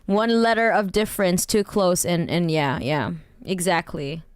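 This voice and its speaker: A woman's voice: lowish voice, fairly even intonation, a little slow, smooth, no room sound, clean studio sound. A woman streamer rambling in casual chat with her viewers, laughing often and swearing casually.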